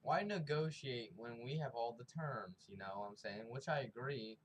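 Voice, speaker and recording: A man's voice: mid-range voice, moderate pace, slight background noise, low-quality recording. Slangy young man rambling a recap. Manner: rambling, slangy, acts out characters' lines. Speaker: TV episode reviewer. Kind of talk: casual recap and review.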